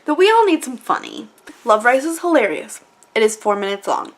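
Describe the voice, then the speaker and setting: A woman's voice: on the high side, sing-song, fairly quick. A woman giving a casual comedic review in a tipsy, rambling way, dramatically acting out reactions as she goes. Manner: dramatic, acts out imagined reactions. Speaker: anime reviewer.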